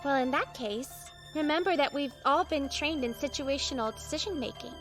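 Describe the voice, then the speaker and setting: A woman's voice: high-pitched, moderate pace, faint music behind. A woman voicing a cheerful, earnest teenage girl soldier in an anime dub, chatty and a little worried. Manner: bright, chatty, a bit worried. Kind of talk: anime English dub acting.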